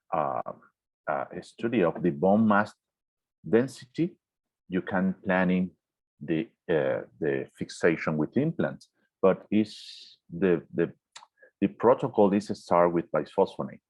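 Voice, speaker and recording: Man, deep voice, surgeon, careful explaining, many fillers, dull dry video-call sound. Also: dry recording. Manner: careful, explains slowly with frequent fillers and checks of okay. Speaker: orthopedic surgeon answering questions. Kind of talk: answering questions in a webinar. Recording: muffled, dry online call audio.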